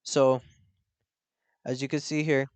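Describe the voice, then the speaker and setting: A man's voice: medium pitch, little pitch movement, slow pace, clear, resonant tone, no echo. A young man hosting a casual trading tutorial, explaining step by step with slangy asides and check-ins. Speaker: forex trading channel host.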